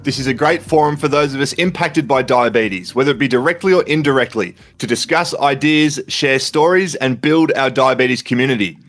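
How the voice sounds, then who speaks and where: A friendly Australian man hosts a podcast interview from home, sounding a little throaty from covid. His pitch sits in the middle and his talk is relaxed and chatty. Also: a little fast, hardly any pauses, faint music behind. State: has covid, a bit throaty. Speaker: podcast host.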